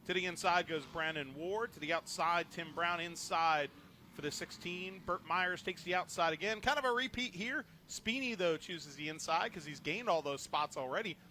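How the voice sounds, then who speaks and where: A man calling a short-track car race from the announcer booth, getting loud and high on restarts and crashes and bantering with his partner between calls. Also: moderate pace, a little hiss or hum. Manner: rises sharply in pitch and volume on restarts and wrecks, joking banter between calls. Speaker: race commentator. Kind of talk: live race commentary.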